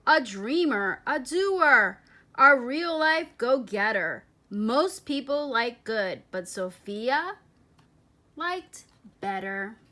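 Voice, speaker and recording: A woman reads a children's picture book aloud like a storyteller, her voice sitting on the high side. Her phrasing is deliberate and expressive, with dramatic emphasis.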